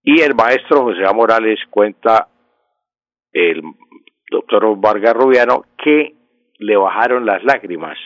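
A man who explains spelling rules on a radio call-in show, calm and repetitive, going back over his key points. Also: fairly low pitch, measured pace, long pauses, dry recording. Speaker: language expert on a radio show. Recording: dry, dull radio broadcast sound.

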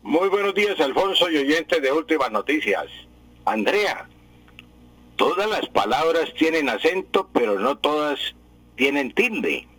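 Husky man explaining on radio. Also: a little high, very animated, a little slow, fairly bright tone, no room sound, poor audio. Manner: patient explainer, repeats himself, self-corrects often. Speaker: language expert on a radio news show. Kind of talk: radio language advice segment.

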